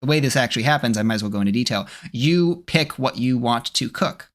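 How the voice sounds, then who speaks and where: A man at a podcast table reading out quiz clues in an easygoing, conversational manner. His voice sits at an ordinary middle pitch, with nothing pushed or performed. He sounds like a regular host keeping a casual chat moving. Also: fast talker. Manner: reads clues aloud, relaxed and chatty. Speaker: podcast co-host running a food guessing game.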